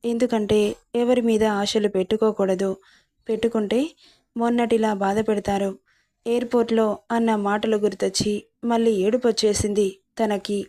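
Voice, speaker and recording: A woman narrating a serialized romance story in a steady, unhurried reading. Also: on the high side.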